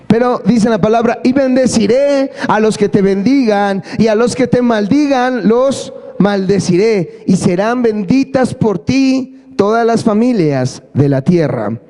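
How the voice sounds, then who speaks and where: Man, pastor, high voice, mellow tone, joking sermon, calls for amens. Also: expressive, a little slow, hardly any pauses. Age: adult. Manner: playful, asks the congregation for amens. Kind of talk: lively sermon. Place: church service.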